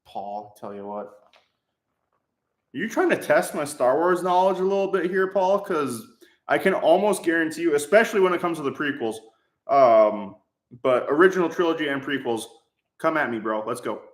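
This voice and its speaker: A man's voice: fairly high pitch, animated, moderate pace. A man with a Minnesotan accent hosting a casual livestream from his workshop, chatting and joking while he builds a prop. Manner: chatty, jokey, often laughing. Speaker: livestream host. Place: home workshop. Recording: echoey room.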